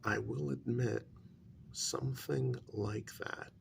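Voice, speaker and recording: An ASMR role-play performer speaks very slowly in a soft, gravelly, breathy half-whisper at medium pitch, his intonation fairly even, amid slight background noise. In this acted consultation he plays a calm, grave male psychologist and spiritualist counselling a parent, using deliberate, measured, halting phrases.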